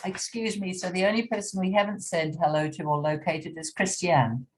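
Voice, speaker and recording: Low, mellow-voiced woman hosting online. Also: steady tone, moderate pace, a little hiss or hum, low-quality recording. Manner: polite, calls on each guest by name. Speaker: seminar host. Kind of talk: online seminar introductions. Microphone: video call.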